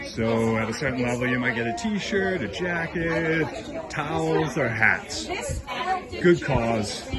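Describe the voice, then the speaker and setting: A man's voice: medium pitch, animated, slow, a loud crowd. A man reporting on location at an outdoor event, interviewing in a jokey, theatrical way. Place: outdoors at a rainy, windy waterfront event. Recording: noisy outdoor location sound.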